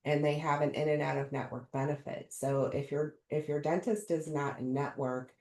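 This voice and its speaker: A woman's voice: low-pitched, fairly even intonation, moderate pace, darkish tone, reverberant. A woman insurance agent from central Illinois, chatting casually and explaining plan benefits in detail with plenty of fillers. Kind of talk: casual phone chat about plans.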